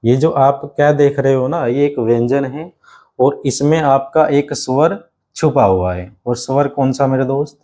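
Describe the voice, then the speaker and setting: A man's voice: mid-range voice, a little slow, dark tone. A man teaching a grammar lesson for exam students, explaining step by step with many rhetorical questions and often addressing the students as his friends.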